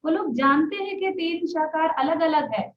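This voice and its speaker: A woman's voice: very high voice, animated. A woman teaching pronunciation, patiently repeating and drawing out sounds and checking that her listeners follow. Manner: patient, repeats sounds slowly, asks "है ना?" often. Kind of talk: spoken lesson, explaining and demonstrating sounds. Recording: echoey, distant, dull lo-fi sound.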